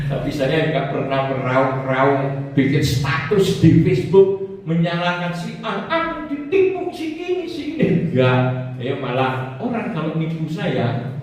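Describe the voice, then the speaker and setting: A man's voice: medium pitch, a little mellow, slight background noise. A man preaching a sermon as a pastor, telling chatty, joking stories and laughing along with them. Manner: chatty, joking storyteller who laughs at his own stories. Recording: very echoey hall, distant mic, faint ambience.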